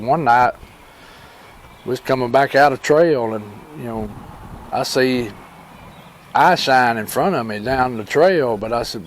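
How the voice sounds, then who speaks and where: A man with a rural Alabama drawl spins a personal tale as if by the fireside. His delivery is folksy and unscripted, wandering along with pauses and bits of retold conversation. His pitch sits in an ordinary male range. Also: a little hiss or hum. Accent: Southern US, rural Alabama. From Alabama, United States. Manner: folksy, rambling, with pauses and reported dialogue. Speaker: storyteller and homesteading channel host. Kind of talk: fireside storytelling of personal experiences, informal and unscripted.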